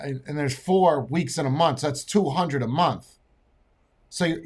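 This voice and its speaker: Guy host, kinda high voice, keeps pushing back and doing math out loud, comedy podcast. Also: husky. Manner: incredulous, working things out out loud. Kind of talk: improv comedy podcast interview.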